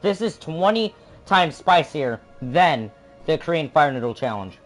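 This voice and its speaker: A man's voice: fairly high pitch, big pitch swings, unhurried, soft background music. A man talking casually and jokingly while doing a spicy food challenge for a vlog. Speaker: vlogger.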